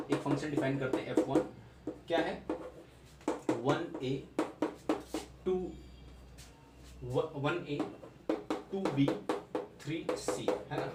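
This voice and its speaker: A young man teaching maths in a classroom-style lecture, repeating key points and checking understanding with rhetorical questions. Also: fairly high pitch. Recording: echoey room, mic at a distance, background noise.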